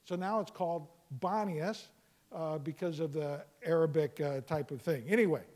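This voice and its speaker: A man teaching verse by verse through a Bible passage. He explains step by step, repeats key phrases, and sometimes bursts into loud exclamations. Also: a little high, normal speed.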